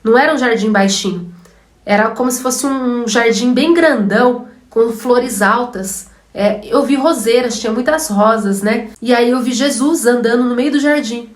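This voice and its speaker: A woman's voice: on the high side, normal speed. A young Brazilian woman, an evangelical minister, telling her personal religious testimony in an emotional, emphatic way and acting out dialogue. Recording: roomy echo.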